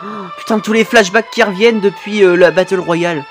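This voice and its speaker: A woman hosting a reaction video, excitedly cheering, swearing at the screen and turning hushed when moved. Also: mid-range voice, brisk, over music. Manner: turns hushed and emotional at sad moments. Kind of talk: live reaction commentary.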